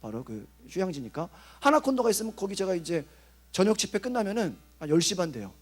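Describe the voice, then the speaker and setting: A man, a pastor, preaching at a youth rally in a lively, conversational way, acting out inner voices and checking in with listeners. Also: high-pitched, fast, slightly rough. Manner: animated, acts out inner voices and asks the audience "어?".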